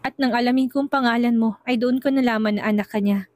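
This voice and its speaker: A woman voicing a gentle, earnest young man who is in love, in a storybook reading. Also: a little high, steady tone, fast talker, dry recording, lightly acted. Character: tender lovesick young man. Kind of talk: storybook narration.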